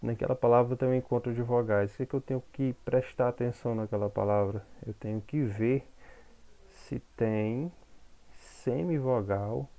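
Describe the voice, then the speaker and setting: A man's voice: mid-range voice, vocal fry, mellow. A man teaching a grammar lesson, explaining step by step and checking in with the class.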